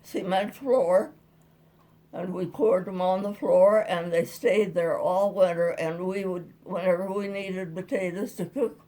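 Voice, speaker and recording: A woman's voice: on the low side, steady tone, a little slow, mellow, low-quality recording. A woman over a hundred years old telling stories from her past in a casual, rambling, folksy and plain-spoken way. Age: over 100. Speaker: interviewee recalling childhood. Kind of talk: casual oral storytelling.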